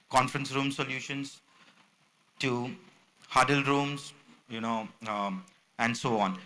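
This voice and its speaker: A man's voice: medium pitch, bright, forceful tone. A man giving a podium speech as a company representative, presenting products with slides in a salesman-like, explaining manner. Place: symposium venue, speaking at a podium. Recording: background noise from a live event room.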